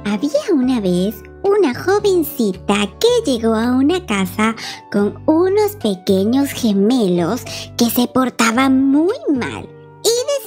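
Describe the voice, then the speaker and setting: Animated young woman narrating a game. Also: on the high side. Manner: animated, sing-song baby talk. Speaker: game video creator. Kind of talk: playful game role-play narration. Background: faint children's music.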